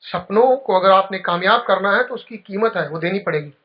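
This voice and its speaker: Guy with a high voice doing a motivational speech, storytelling, kinda muffled lo-fi sound. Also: a little fast. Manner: storytelling, emotional, drops low and soft at touching moments. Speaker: motivational speaker. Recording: dull lo-fi recording.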